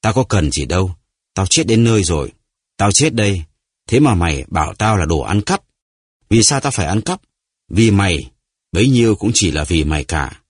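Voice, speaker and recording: A man voicing a hoarse, gasping old grandfather in an audiobook story, pleading and reproaching himself. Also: low voice, expressive, normal speed, no room sound, clean studio sound. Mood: anguished. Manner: pleading, shouting, self-reproaching. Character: old grandfather, hoarse, bitter and guilt-ridden. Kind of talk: audiobook character voice.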